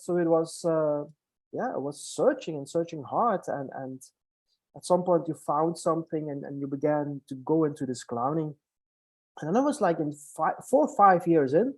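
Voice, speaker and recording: A man's voice: fairly high pitch, darkish tone. A middle-aged man from Belgium, a guest in an interview, speaking casually with frequent restarts. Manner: hesitant, many restarts and fillers, laughs easily. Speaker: guest, hospital clown and coach.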